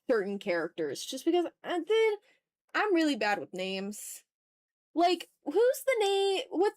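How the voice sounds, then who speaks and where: On an art livestream, a woman draws while chatting informally, rambling, cursing a little, and running herself down as she reads out comments from viewers. Her voice is fairly high, and there's no echo.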